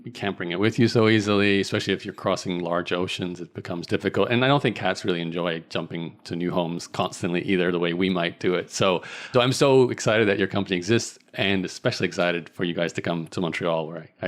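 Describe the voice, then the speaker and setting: A man from Australia with a very low voice, hosting a casual interview. He talks in a loose, rambling way and restarts his sentences often. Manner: chatty, rambling with restarts and laughs. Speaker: podcast host.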